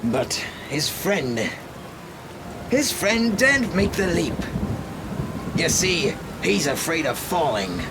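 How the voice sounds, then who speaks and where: A man's voice: fairly high pitch, very animated, takes it slowly, long pauses, noisy background, full character voice. A man acting a manic, taunting clown-like villain in an amateur radio drama, theatrical in his delivery. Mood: wry storytelling. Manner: theatrical, swinging between mutters, shouts and cackles. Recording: echoey reverberant drama mix, loud music bed. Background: loud music, rain.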